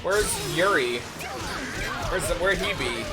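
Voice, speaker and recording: A man's voice: a little high, expressive, takes it slowly, over loud music. A man giving casual, rambling, sweary commentary while he plays a video game. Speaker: gameplay commentator.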